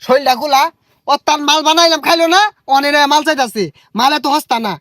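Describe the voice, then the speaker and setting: A man's voice: extremely high pitch, quick pace, sharp tone, a little hiss or hum. A man, playing the grumbling sidekick in a comedy sketch. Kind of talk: comic sketch acting.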